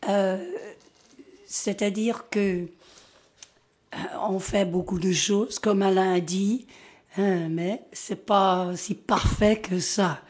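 A woman's voice: medium pitch, steady tone, a little mellow. A woman from Scotland with a Scottish accent in her French, a native English speaker giving an informal presentation and often searching for words. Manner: halting, searching for words in a second language. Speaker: invited guest speaker.

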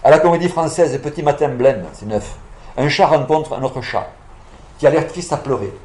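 A man's voice: on the high side, moderate pace, a little mellow, reverberant. A man giving an academic lecture, explaining patiently with many fillers and self-corrections.

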